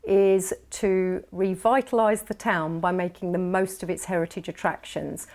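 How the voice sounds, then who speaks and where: A woman leading a heritage project, speaking clearly and measuredly in an interview. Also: on the low side, steady tone, a little slow, darkish tone.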